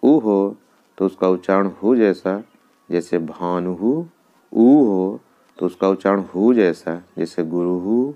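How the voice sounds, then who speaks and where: A man teaching a grammar lesson in quiz form, asking each question and then answering it himself, repeating the key points slowly. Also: low-pitched, steady tone, warm tone, muffled recording.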